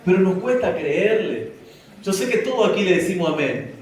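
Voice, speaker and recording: High-pitched man preaching, pastor voice, sounds far off in a big echoey church, faint noise behind. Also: sing-song, moderate pace. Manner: preaching to a congregation, acting out listeners' objections. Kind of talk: sermon. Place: church hall.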